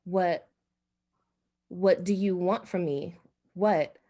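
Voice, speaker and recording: An actress in a radio drama plays an anxious, frightened wife, speaking dramatically and haltingly and repeating phrases. Her female voice is fairly low and mellow, with a fearful mood.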